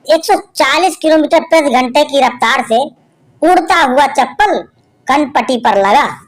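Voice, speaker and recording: High-voiced woman reading jokes slowly. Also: animated. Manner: punchline-driven, storytelling. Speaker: joke narrator.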